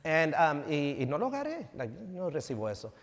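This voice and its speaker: With huge pitch swings in a voice on the high side, a pastor in his thirties preaches at normal speed, storytelling about his family and alternating Spanish and English. The church sanctuary gives the recording a long hall reverb.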